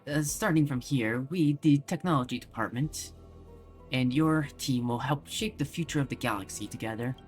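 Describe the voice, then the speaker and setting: Streamer doing a smooth-talking corporate man, mid pitch, close to his own voice. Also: normal speed, faint music behind, close to an everyday voice. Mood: persuasive.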